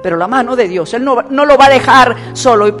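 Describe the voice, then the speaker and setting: High-voiced woman preaching. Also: brisk, a bit bright. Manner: emphatic, repeats key words for stress. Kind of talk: sermon. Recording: echoey church hall with faint music.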